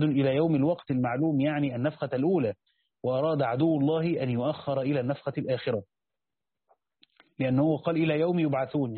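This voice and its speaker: Egyptian sheikh reading a commentary and explaining it, husky voice, dry tinny phone-like recording. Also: male voice, medium pitch, no room sound. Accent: Egyptian Arabic. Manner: explains by asking and answering his own questions. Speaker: sheikh teaching a Quran commentary. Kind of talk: reading a text aloud and explaining it.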